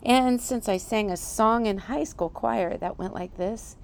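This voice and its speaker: A woman giving a devotional Bible teaching, animated, asking rhetorical questions and laughing lightly as she reads the story. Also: on the high side, a little slow, gravelly, a little hiss or hum.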